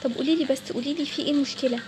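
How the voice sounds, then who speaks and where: Woman doing a pushy egyptian guy who won't leave her alone, quick and highish. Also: steady tone, background noise, lightly acted. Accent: Egyptian Arabic. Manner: pleading, persistent. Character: nosy pushy young man, manager's son. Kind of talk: toy role-play story voicing.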